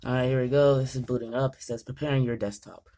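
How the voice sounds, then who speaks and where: Young male vlogger, jittery and chatty, trips over words while setting up a PC; mid pitch. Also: steady tone, fast, dark tone. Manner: nervous, rambling, stumbles over words. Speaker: gaming channel host. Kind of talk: casual vlog commentary.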